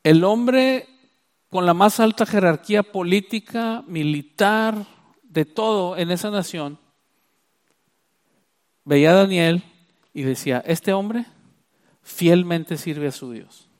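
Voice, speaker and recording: Brief: male preacher, slightly high voice, emphatic sermon delivery with slowed, stressed phrases and frequent restarts. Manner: emphatic, stresses key phrases with slow drawn-out words; repeats and restarts while explaining.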